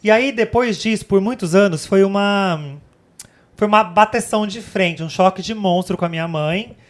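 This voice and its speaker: A woman in her thirties with a Brazilian accent, co-hosting a podcast and telling a personal story in an animated, dramatic way. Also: medium pitch, normal speed. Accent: Brazilian Portuguese. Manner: animated, dramatic retelling, acts out quotes. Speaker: podcast co-host. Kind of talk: casual chat, personal storytelling.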